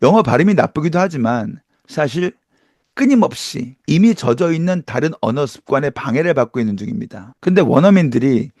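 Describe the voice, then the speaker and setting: A man's voice: mid-range voice, animated, fairly quick, darkish tone, no room sound. A middle-aged man teaching English pronunciation in an emphatic lecture style, asking rhetorical questions and demonstrating sounds. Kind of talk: lively online lecture.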